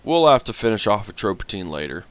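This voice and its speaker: A man's voice: fairly low pitch, sing-song, fast talker, a bit bright. A man commenting casually on his strategy game as he plays, grumbling at setbacks and talking to his units. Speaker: gaming channel host.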